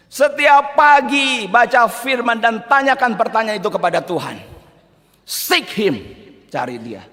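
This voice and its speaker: A male pastor preaching a sermon, animated, asking the congregation rhetorical questions and dropping English words into his speech. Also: high voice, big-room sound. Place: church service.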